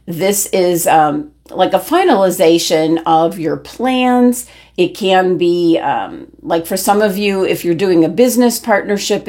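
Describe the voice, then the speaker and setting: A tarot reader delivers her weekly reading while losing her voice. She speaks gently and meanderingly, with plenty of pauses and ums, in a voice on the low side.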